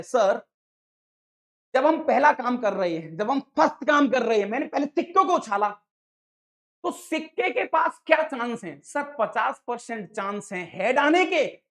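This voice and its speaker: An online maths teacher explaining probability to exam students in a lively, playful lecture, talking to them as sir and dada. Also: female voice, fairly high pitch.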